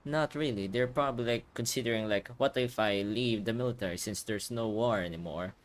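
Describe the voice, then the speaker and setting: A game streamer talks casually into a headset mic as he plays, drifting into informal, rambling asides. His voice sits on the low side and moves a little fast, with game music behind it.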